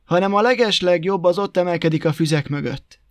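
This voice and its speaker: A sly, cheeky old toad chats in a teasing, mock-innocent way, with a man doing the voice. The voice sits a little high for a man, and the storybook recording is dry and close. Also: dry recording, natural voice.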